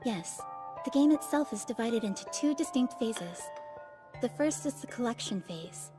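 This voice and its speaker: A woman playing a polite young maid in an anime dub, speaking formally in a composed, deadpan way. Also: on the high side, moderate pace, music in the background, lightly acted. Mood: explanatory.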